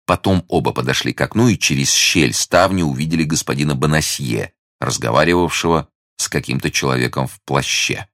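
A man narrating a classic novel as an audiobook in a measured, even storytelling manner. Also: a bass voice, dry recording, clean studio sound. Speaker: audiobook reader.

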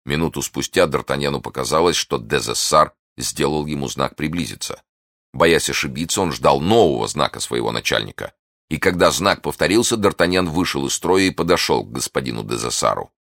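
A man reading a classic adventure novel aloud as an audiobook narrator, in a measured storytelling way. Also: extremely low pitch, expressive, a bit bright, no echo, clean studio sound.

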